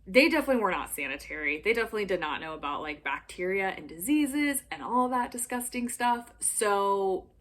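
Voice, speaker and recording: A woman's voice: medium pitch, animated, a little fast, few pauses, fairly bright tone. A young woman hosting a casual explainer vlog from home, chatty and giggly, with lots of filler words. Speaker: vlogger. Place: home room with backdrop.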